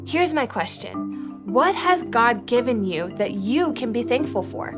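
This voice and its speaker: A woman with a high voice leads a scripted children's church lesson. She talks to the kids in an upbeat, clear way, keeping every line simple and direct. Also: sing-song, a little slow, over music.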